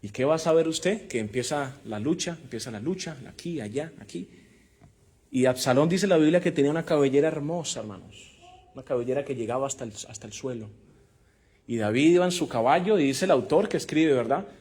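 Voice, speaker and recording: A man's voice: mid-range voice, lively intonation, fairly quick, a little mellow, slightly rough. A man preaching a Bible lesson to a congregation, emphatic and calling out rhetorical questions and amens. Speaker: preacher teaching a Bible class. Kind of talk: sermon-style Bible lesson.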